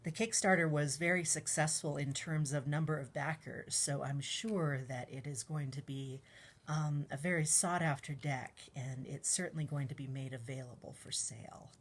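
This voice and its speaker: A young woman casually reviewing a tarot deck, soft-spoken and a little breathless, often trailing into whispers with many ums. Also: deep voice, fairly even intonation, moderate pace, breathy edge.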